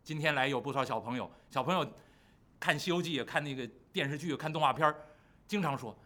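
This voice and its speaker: A man performing a traditional storytelling piece, talking to the audience in an animated way. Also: fairly high pitch, quick pace. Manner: lively, animated, addresses the audience.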